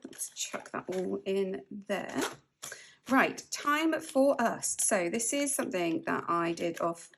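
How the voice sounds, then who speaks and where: A woman's voice: mid-range voice, expressive, takes it slowly, vocal fry, a bit bright, a little hiss or hum. A woman vlogger from the UK chatting casually while she counts cash aloud and laughs often. She sounds a bit spaced out from medication. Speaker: budgeting vlogger.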